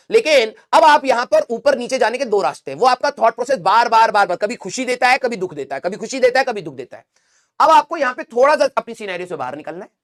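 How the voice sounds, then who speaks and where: A man's voice: extremely high pitch, a bit bright. A young man teaching, giving an earnest motivational talk to exam students and checking in with them often. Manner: earnest, addresses students as beta, frequent "theek hai?".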